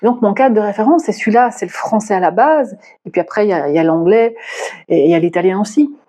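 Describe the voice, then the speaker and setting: A woman's voice: medium pitch, expressive, fast, mellow. A woman, working as a communication consultant, tells a personal story in a casual monologue and thinks aloud with hesitations as she talks. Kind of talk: casual explanatory monologue to camera.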